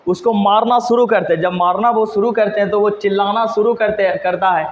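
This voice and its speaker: High-voiced teacher drilling questions. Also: male voice, steady tone, brisk, a little hiss or hum. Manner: repetitive call-and-response drilling, answering own questions. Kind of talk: mnemonic geography lesson. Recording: echoey hall, dull lo-fi sound.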